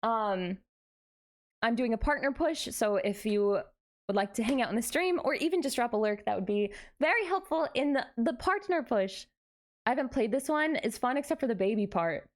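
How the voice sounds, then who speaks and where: A woman's voice: a little high, animated, normal speed. A woman hosting a casual livestream, chatting playfully back and forth with her viewers. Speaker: variety streamer, VTuber host.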